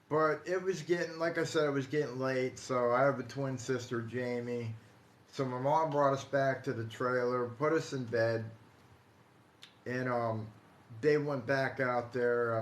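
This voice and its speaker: He's an Ohio native in his forties with an American accent and a medium pitch, telling stories casually to viewers on his paranormal live stream. His delivery is halting and conversational, with repetition. The room sounds echoey and there's light background noise.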